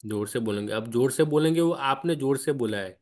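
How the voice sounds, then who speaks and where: A man's voice: mid-range voice, animated, brisk, a little mellow. Patient man guiding an online discussion. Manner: patient, questioning, explains step by step. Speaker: study group guide. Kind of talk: spiritual discussion. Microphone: online call.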